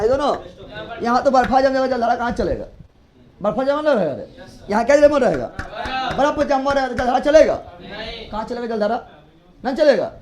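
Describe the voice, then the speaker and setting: Man, very high voice, classroom geography teacher, repetitive questioning, playful scolding. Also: darkish tone. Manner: drills students with repeated questions, scolding jokingly.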